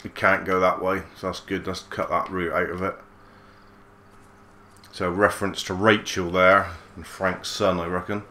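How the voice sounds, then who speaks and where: A man giving relaxed let's play commentary, musing aloud with mild swearing. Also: sits low, normal speed, a little hiss or hum. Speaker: gaming channel host.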